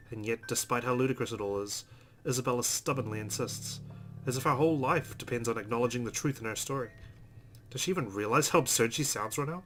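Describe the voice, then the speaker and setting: A man hosts a let's play, reading visual novel narration aloud with expression and tossing in casual asides while game music plays behind him. His voice is medium-pitched and a bit bright.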